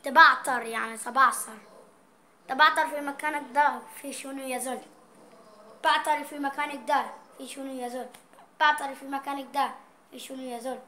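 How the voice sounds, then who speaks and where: A woman's voice: sits high, steady tone, brisk, bright, forceful tone. A woman with an Egyptian accent, chatting playfully in a vlog as she reads out dialect words and explains what they mean. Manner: playful, reading out dialect words and their meanings. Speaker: vlogger. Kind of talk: casual vlog chat.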